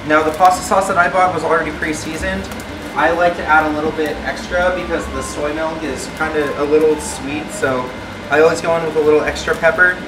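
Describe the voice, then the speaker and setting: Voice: medium pitch, steady tone, fairly quick, far from the mic, background noise. A drunk home cook giving a casual, rambling, profanity-laced cooking tutorial. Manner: tipsy, rambling, crude swearing. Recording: roomy kitchen, off-mic, loud music behind. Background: loud music, sizzling pan.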